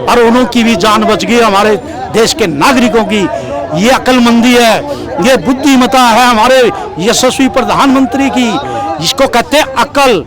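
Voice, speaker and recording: A man with a very high-pitched voice delivers impassioned street oratory. He is emphatic and declamatory, repeating phrases like a poet at a rally. A busy crowd and traffic surround him outdoors. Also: moderate pace. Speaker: street interviewee, political supporter reciting poetic praise. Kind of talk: impassioned street political oratory with rhymed verses.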